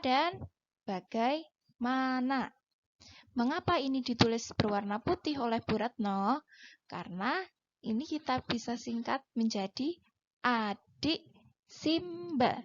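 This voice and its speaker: A woman teacher giving a patient, clearly spoken lesson to young schoolchildren, stretching her words and lifting her questions. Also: fairly high pitch, lo-fi sound. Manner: patient, drawn-out delivery with rising question intonation. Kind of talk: slow, clear classroom lesson for children.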